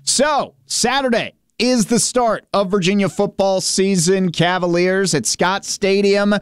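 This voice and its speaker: Male radio DJ, high-pitched, smooth crisp voice, dry studio sound, upbeat promo delivery. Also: measured pace, no room sound. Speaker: country radio DJ.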